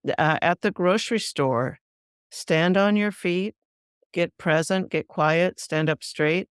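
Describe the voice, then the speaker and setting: A woman hosting a spiritual podcast, calmly explaining a practice step by step in an instructive solo talk. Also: on the low side, clear, resonant tone, dry recording, studio quality. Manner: calm, measured, guiding explanations. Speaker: spiritual teacher, podcast host.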